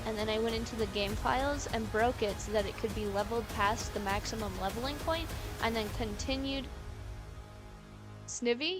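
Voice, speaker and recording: A woman live streaming in casual chat, rambling, giggly and playfully argumentative, often correcting herself mid-thought. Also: on the high side.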